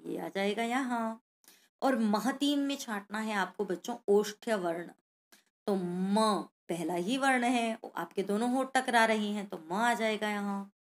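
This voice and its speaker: Unhurried woman tutor, mid pitch, sounds out every letter for young students. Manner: slow, sounds out each letter aloud; addresses children directly. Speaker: Sanskrit teacher. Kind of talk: worksheet lesson.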